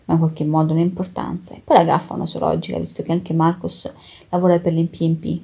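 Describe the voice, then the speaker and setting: Husky, breathy woman reading a novel. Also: little pitch movement, mellow. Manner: measured, low-key first-person narration. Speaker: reader of a novel.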